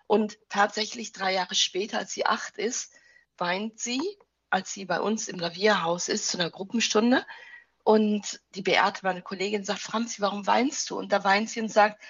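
Middle-aged woman, grief counselor, husky, calm explainer, dry, dull sound. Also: medium pitch, moderate pace, dry recording. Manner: calm, explains with vivid child anecdotes and images. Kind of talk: interview answers, storytelling with examples.

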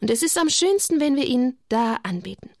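A woman's voice: high voice, lively intonation, brisk, gravelly, dry recording, clean studio sound, pitched above the performer's own voice. A woman reading the part of a pious mother who teaches children to pray in a storybook. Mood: devout. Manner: devout, instructive storybook reading.

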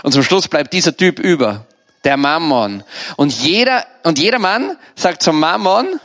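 A male preacher, delivering a sermon in a fairly high voice. He talks to his listeners one to one, conversational and direct, as if across a table. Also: big pitch swings, a little slow, fairly bright tone.

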